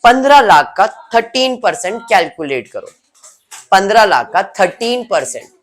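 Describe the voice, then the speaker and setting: A man's voice: high-pitched, big pitch swings, moderate pace, a bit bright. A male teacher gives a classroom lecture, explaining step by step and teasing students by name.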